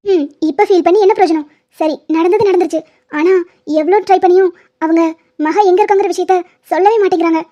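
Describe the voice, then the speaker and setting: A woman voicing a sassy, sharp-tongued college girl. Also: very high-pitched, fairly even intonation, quick pace, muffled recording. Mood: pleading.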